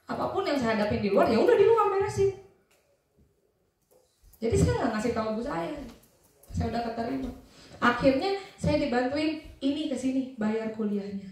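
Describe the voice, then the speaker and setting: Recorded from far off in an echoey hall, a young adult woman who works as a motivational speaker gives a spirited testimonial to an audience. Her fairly high, slightly mellow voice is brisk and expressive as she tells a personal story and acts out the dialogue.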